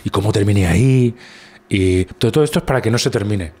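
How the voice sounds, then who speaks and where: Spanish guy telling stories, husky lowish voice, keeps restarting. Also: brisk, warm tone. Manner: rambling anecdotes with many restarts. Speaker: guest comedian. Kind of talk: casual conversation.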